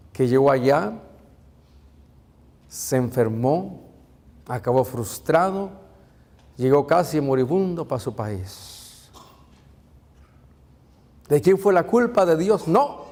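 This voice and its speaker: A man's voice: medium pitch, dark tone, in a large hall. A man, a pastor, preaching a sermon, asking rhetorical questions and calling out to the congregation.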